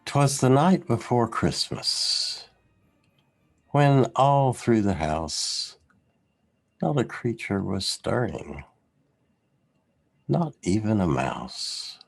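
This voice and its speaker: A man with a gravelly, husky voice reading classic Christmas verse aloud as a storyteller, in a measured, expressive way. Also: on the low side. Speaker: reader, storyteller.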